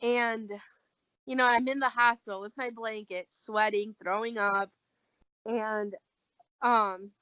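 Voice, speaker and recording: A woman's voice: fairly high pitch, slow, long pauses, no echo. A young adult woman telling a personal story in casual talk as a guest, acting out the lines she quotes. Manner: animated, acts out quoted dialogue. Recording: dull lo-fi recording.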